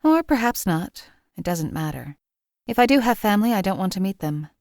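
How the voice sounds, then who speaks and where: A woman voices a cold, contemptuous hired assassin in game character voice lines, speaking in a formal, clipped, disdainful way with a detached mood. Her voice is medium-pitched, animated, fairly quick and a little mellow, lightly acted. The studio sound is clean, with no room sound.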